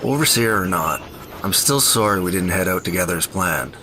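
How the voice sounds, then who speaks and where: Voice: deep voice, expressive, fairly quick, background noise. An actor playing a glum, sardonic, apologetic wasteland survivor in a comic audio drama.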